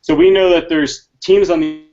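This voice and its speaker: Male startup CTO presenting remotely, stream quality dropping so the call audio breaks up, muffled lo-fi sound, halting delivery. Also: fairly high pitch, fairly even intonation, darkish tone. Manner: hesitant, full of fillers and restarts. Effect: call audio breaking up as the stream quality drops. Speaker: startup CTO giving a tech talk. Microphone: video call. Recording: dull, lo-fi video call audio.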